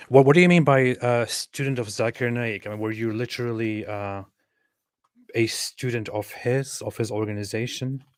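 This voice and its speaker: A man's voice: medium pitch, moderate pace, clear, resonant tone, no room sound, clean studio sound. A man hosting a casual livestream interview, speaking hesitantly and often repeating his questions.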